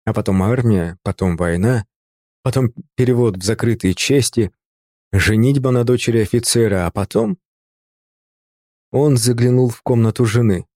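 A man narrating an audiobook in an even, measured literary reading. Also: medium pitch, dry recording, clean studio sound.

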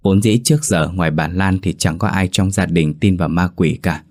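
A man narrating a scripted story with a steady, measured reading. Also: sits low.

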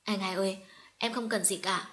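A woman's voice: medium pitch, steady tone, moderate pace, fairly bright tone, natural voice. A woman voicing a young orphan woman who speaks choked and sobbing. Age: young adult. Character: young orphan woman, emotional, finding her family.

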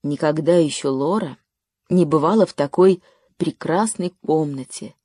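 A woman narrating a children's story in a calm, even way. Her voice sits low and mellow, recorded close and dry with no room around it. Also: unhurried, husky, dry recording. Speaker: audiobook narrator. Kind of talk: scripted narration.

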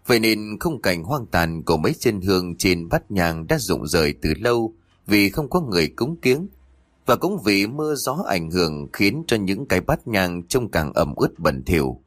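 A man's voice: sits low, very animated, normal speed, dry recording. A man narrating a grim horror story with dramatic storytelling.

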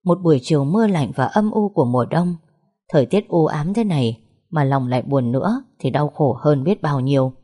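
Mellow low-voiced woman narrating a story. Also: expressive. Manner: slow, mournful storytelling. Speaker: audiobook narrator.

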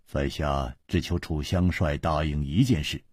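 A man storyteller voicing a humble swordsman who speaks haltingly and formally. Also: extremely low pitch, darkish tone, husky, no echo, studio quality, pitched below the performer's own voice, full character voice. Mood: deferential. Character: humble, formal male martial-arts swordsman.

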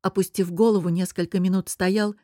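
A woman narrating a first-person novel as an audiobook, with expressive, emotional storytelling. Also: on the low side, fairly quick, dry recording, studio quality.

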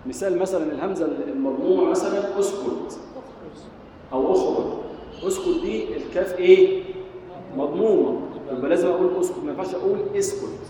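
A man's voice: high-pitched, fast, warm tone. A man with an Egyptian accent teaching a class, asking questions and answering them himself. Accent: Egyptian Arabic. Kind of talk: classroom lesson on Quranic sciences. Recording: echoey hall, mic far off, faint noise.

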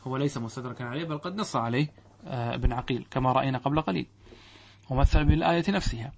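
A man lecturing as a sheikh on Arabic grammar. He reads a text aloud, explains it, and keeps quizzing his listeners with quick rhetorical questions. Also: medium pitch, vocal fry. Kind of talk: classroom lecture commentary.

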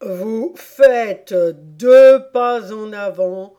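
A woman reading an audiobook voices a weepy, sentimental sea-turtle creature with a drawn-out, plaintive delivery. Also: a little high, mellow. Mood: doleful.

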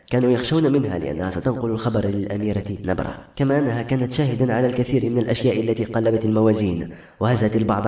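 A man narrating a novel in an expressive, dramatic reading. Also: fairly low pitch. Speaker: audiobook narrator. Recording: roomy audiobook recording, faint music.

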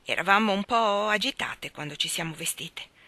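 A woman's voice: medium pitch, moderate pace, bright, forceful tone, dry recording, close to an everyday voice. Woman reading as a proud, wrinkled old spinster. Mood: stiff, bitter.

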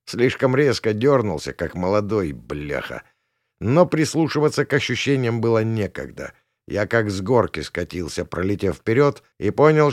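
A man reading a first-person audiobook in a gruff, colloquial way. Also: lowish voice, no echo, clean studio sound. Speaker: audiobook narrator.

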